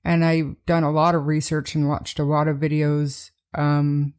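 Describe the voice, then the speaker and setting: Female podcast host, low warm voice, casual and hesitant. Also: flat delivery, a little slow. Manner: hesitant, many ums and restarts.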